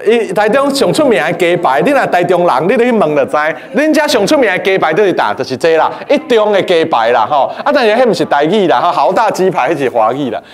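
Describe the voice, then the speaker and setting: Male lecturer with a high voice, playful and lively, quizzing his class. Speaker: teacher.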